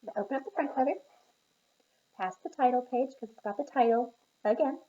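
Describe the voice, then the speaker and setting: A teacher reads a picture book aloud to young children, encouraging them and stopping to ask questions. Her voice sits high and mellow, and the audio is dull.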